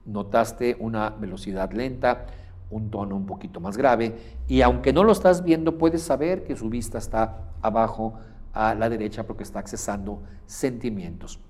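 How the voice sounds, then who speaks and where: Male instructor, lowish voice, lecture delivery with filler pauses, demonstrates speaking rhythms and tone. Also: darkish tone. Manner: demonstrates pace and pitch changes while teaching, with frequent "eh" fillers.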